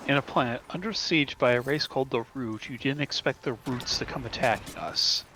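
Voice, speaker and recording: Bright-voiced playful gamer man. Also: mid-range voice, a little fast, a little hiss or hum, low-quality recording. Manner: playful, wry, teasing. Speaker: co-op game player. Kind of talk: casual gaming chat.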